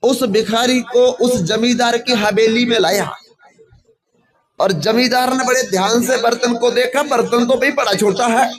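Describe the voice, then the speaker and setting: A male religious storyteller gives a devotional discourse with a very high voice. He draws each phrase out slowly and addresses the listeners as brothers. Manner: slow, drawn-out storytelling addressing the audience as brothers.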